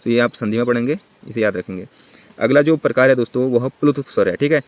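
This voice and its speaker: A man teaching an exam-prep grammar lesson, who keeps checking in with his listeners and stretches vowels out slowly to show them. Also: medium pitch, darkish tone. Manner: repeats "theek hai" and "doston" constantly.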